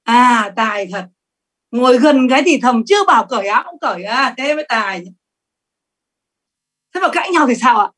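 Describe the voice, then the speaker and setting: Woman, high voice, lively sales seminar, keeps asking the room questions. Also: normal speed, long pauses, breathy edge. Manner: lively, emphatic, asks the audience questions. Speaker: sales trainer. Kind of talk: seminar talk to an audience.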